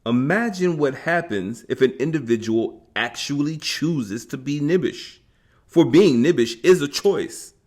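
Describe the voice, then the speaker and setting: A man reading a self-help book aloud in a measured, emphatic way. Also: mid-range voice, darkish tone. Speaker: audiobook reader.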